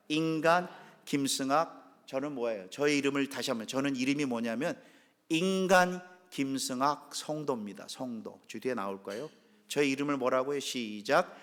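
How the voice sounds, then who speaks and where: A man preaching a Sunday sermon as pastor, full of animated questions put to the congregation. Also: medium pitch. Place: church sanctuary. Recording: long reverb of a church hall.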